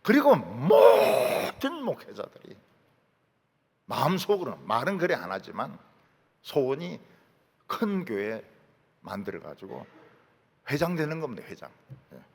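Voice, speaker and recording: A man's voice: mid-range voice, big pitch swings, moderate pace, creaky, pauses often, husky, in a large hall. A man preaching a sermon in a large church sanctuary, emphatic, often dropping in short affirmations and rhetorical questions. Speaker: pastor.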